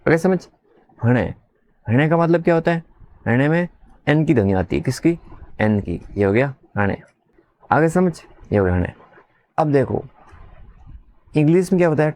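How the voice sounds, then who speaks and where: A man teacher, teaching in a classroom way. He asks questions, answers them himself, and spells letters out slowly one at a time. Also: a little high, lively intonation, a little mellow. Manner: spells letter by letter in a slow sing-song. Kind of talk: classroom lesson.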